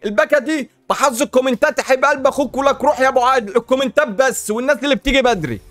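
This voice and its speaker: Excitable fast-talking Egyptian man. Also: extremely high pitch, no echo. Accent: Egyptian Arabic. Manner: excitable, chatty, pleads with viewers and the game. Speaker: gaming YouTuber host. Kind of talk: casual gaming commentary while opening packs.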